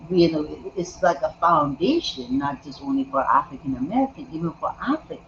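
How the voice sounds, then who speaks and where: A man's voice: a little high, very animated, a little fast, creaky, a bit bright. A man from Ethiopia hosting an interview, speaking earnestly and often affirming his guest. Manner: earnest, frequent affirming "yeah". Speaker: host. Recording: muffled recording with faint background hum.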